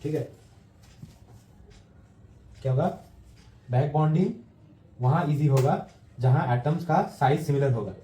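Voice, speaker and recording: A male chemistry teacher lecturing a class, with a very dark, mellow voice. He explains step by step and dictates notes slowly, word by word, checking in with his students. The sound is roomy and echoey, with a faint hiss of noise behind him. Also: on the high side.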